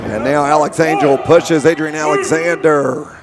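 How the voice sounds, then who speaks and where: A man with a hoarse, sore throat calling a live wrestling match and hyping up the people around him. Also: a little high, fairly even intonation, normal speed. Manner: hype, announcer-style introductions. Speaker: wrestling commentator. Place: commentary desk at an indoor wrestling show in an education center. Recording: heavy background noise at a live show.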